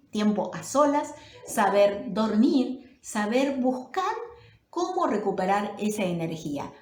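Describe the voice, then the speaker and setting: A woman pastor with a Rioplatense Spanish accent preaches in a lively, swooping voice that jumps high with excitement. She tells her story warmly, and the recording carries a roomy echo. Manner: warm, animated storytelling with sudden excited bursts. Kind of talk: sermon.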